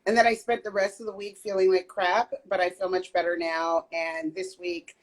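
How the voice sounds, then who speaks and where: A woman hosting a casual livestream chat, her raspy voice slightly hoarse from a cold, talking in a relaxed, chatty way with frequent fillers into a phone. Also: on the low side, normal speed. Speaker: host. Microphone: phone on a live stream.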